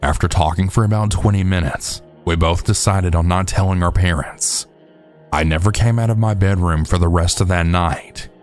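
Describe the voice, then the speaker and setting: Deep-voiced guy reading creepy stories, calm and steady, quiet music behind. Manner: steady, measured storytelling. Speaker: narrator. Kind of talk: scripted narration of scary stories. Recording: faint background music.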